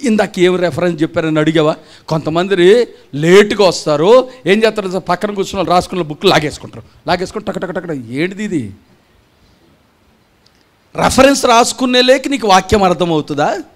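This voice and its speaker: A man's voice: high voice, lively intonation, brisk. A man preaching a gospel sermon, scolding the congregation with rhetorical questions and mocking imitations of churchgoers. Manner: acts out churchgoers' voices mockingly. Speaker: pastor. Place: church gathering.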